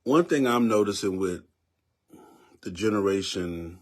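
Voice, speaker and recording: A man in his fifties with a Southern US accent talks straight to his viewers in a low voice. He is emphatic and preachy, doubling back on words to drive his points home. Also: animated, a little slow. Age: 50s. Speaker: vlogger giving opinion. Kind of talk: casual spoken commentary.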